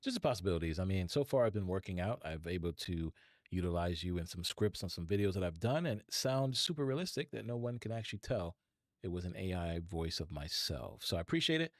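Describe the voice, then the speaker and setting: A man's voice: sits low, very animated, brisk, no echo, studio quality. A middle-aged man hosting a live tech stream, chatting casually and rambling as he talks straight to his viewers. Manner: chatty and rambling, addresses chat directly.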